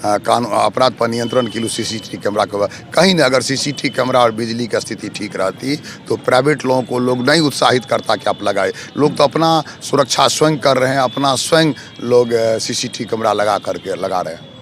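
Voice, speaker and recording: A man running as a local election candidate, answering interview questions in a forceful, accusatory way, piling up lists of grievances. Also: mid-range voice, fairly quick, a little hiss or hum.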